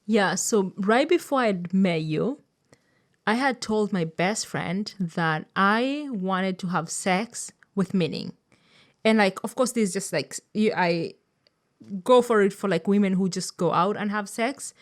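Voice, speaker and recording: A woman's voice: mid-range voice, measured pace. A woman from Kenya co-hosting a podcast, telling stories in a casual, chatty way. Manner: chatty, storytelling. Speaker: podcast co-host.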